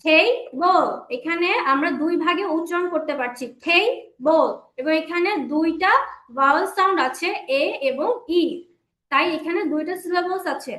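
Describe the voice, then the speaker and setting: A woman with a Bangladeshi Bengali accent teaching children English grammar in an online class, patiently explaining and repeating words slowly. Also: very high-pitched, a bit bright, roomy sound. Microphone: online class call.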